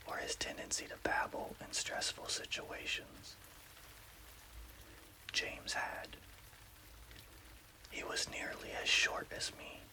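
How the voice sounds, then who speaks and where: Male ASMR horror narrator, whispers throughout with no voicing, careful storyteller's delivery over rainfall. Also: poor audio. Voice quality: unvoiced, breathy whisper.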